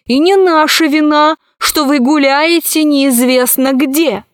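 A stern ruling queen voiced by a woman reader hands down orders in a cold, commanding tone. Her voice sits fairly high and moves at an unhurried pace. The sound is close and dry. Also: no echo. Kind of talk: audiobook character voice.

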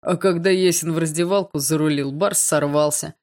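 A man's voice: fairly high pitch, fairly even intonation, normal speed, natural voice. A woman voicing a laddish teenage schoolboy who jeers at others. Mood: jeering. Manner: jeering.

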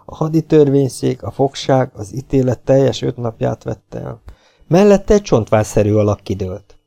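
A man reading an adventure novel aloud as an audiobook, with a measured, dramatic delivery. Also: mid-range voice, expressive, vocal fry, warm tone. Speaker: audiobook reader. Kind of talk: audiobook narration.

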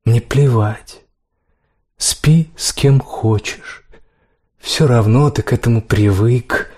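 Hurt young woman pushing her lover away , read by a guy, husky voice, pleading. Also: mid-range voice, slow, a little mellow. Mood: cold.

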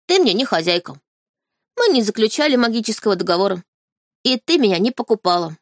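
Audiobook: woman reader as detached male sacred beast in boy form, flat calm delivery, dry close sound. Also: mid-range voice, a little fast, dry recording, close to an everyday voice. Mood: indifferent. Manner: calm, indifferent, matter-of-fact. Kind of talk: audiobook character reading.

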